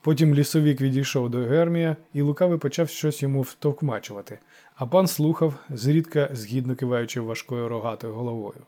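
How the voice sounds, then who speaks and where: A man narrating an audiobook in a lively storytelling manner. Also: medium pitch, a little fast.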